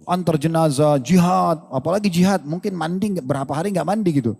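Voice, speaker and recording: Male preacher, warm slightly high voice, animated lecture, echoing hall. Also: fairly quick, gravelly, breathy edge. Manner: animated, rhetorical questions, jokes and laughs with the crowd. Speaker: Islamic preacher. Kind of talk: religious lecture to an audience. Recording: long hall reverb.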